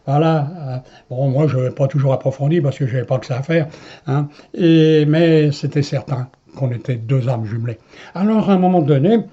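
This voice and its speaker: A man's voice: mid-range voice, normal speed, warm tone, slightly rough. A man telling a personal story in a meandering way, with many hesitations and chuckles. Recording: dull lo-fi recording.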